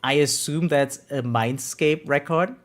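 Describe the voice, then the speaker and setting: A variety game streamer with a slightly high voice chats unhurriedly with viewers while soft music plays. The talk is rambling and repetitive, laced with slang and profanity, and he frequently checks in by tagging sentences with "right?".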